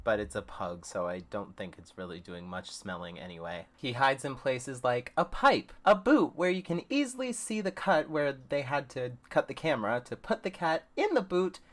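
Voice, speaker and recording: A woman's voice: a bass voice, animated, moderate pace, hardly any pauses. A woman hosting a livestream, giving sarcastic, dry running commentary on a movie. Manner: sarcastic, dry, incredulous asides. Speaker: livestream host reviewing a movie.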